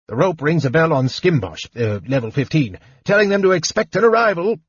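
A man voicing a fussy, excitable male gnome official who chatters fast, explaining everything eagerly. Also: on the high side, slightly rough, dry recording, lo-fi sound, pitched above the performer's own voice.

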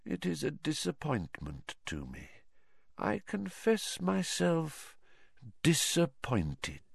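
Voldemort, cold slow-speaking dark lord acted by a man. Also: medium pitch, very animated, no room sound, voice pushed up. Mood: soft disappointment. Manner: deliberate, theatrical, mock-disappointed menace. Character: cold, menacing male dark wizard lord.

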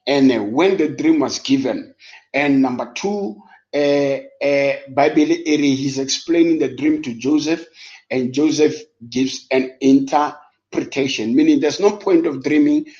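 A South African man whose first language is Sotho preaches a Bible lesson over a live stream, moving between English and Sotho. His voice sits at medium pitch, a little slow and somewhat mellow, full of emphatic repetition and rhetorical questions. The lo-fi stream audio sounds dull.

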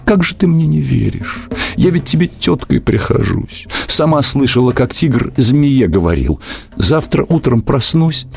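A man's voice: medium pitch, sing-song, unhurried, creaky, darkish tone, soft background music, pitched above the performer's own voice. A man voicing a sly, scheming female fox who whines and pleads in a storybook tale. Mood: whining, sly. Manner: whining, plaintive pleading.

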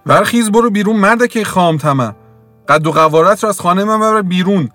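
A man's voice: high-pitched, fairly bright tone, no room sound, faint music behind, voice pushed up. Shrieking furious village mother, voiced by a man. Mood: furious defiance. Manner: screaming, defiant, raw. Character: fierce poor village mother, woman, shrieking.

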